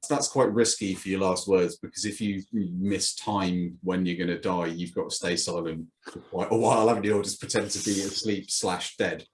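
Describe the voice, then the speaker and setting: A man's voice: sits low, fairly even intonation, moderate pace, a little hiss or hum. A man hosting a casual comedy chat, telling stories and asking questions in a dry, wry way. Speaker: podcast host.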